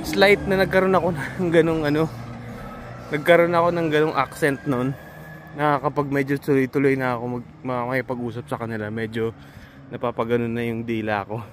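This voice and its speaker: A man from the Philippines, a registered nurse and vlogger, chatting casually to his viewers and often pausing to search for words. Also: medium pitch, flat delivery, slight background noise. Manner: rambling, searches for words aloud.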